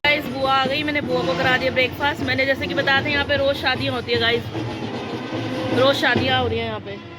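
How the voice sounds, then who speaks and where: A woman's voice: sits high, steady tone, fast, loud music behind the voice, rough recording. A young woman vlogging in casual chat, emotional and talkative, often addressing her viewers directly. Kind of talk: casual vlog talk.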